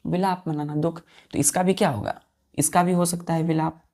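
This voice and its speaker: A woman's voice: deep voice, steady tone, normal speed, mellow. A woman teaching a vocabulary lesson to students, spelling words out letter by letter and repeating each answer. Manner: asks pupils questions and answers them herself.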